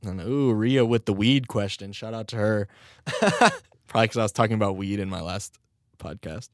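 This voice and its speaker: This is a young man's lowish voice, at normal speed, recorded dry at studio quality. He's a rapper and podcast host talking casually on his own show, rambling, swearing and chuckling at himself, his voice not fully recovered and slightly strained.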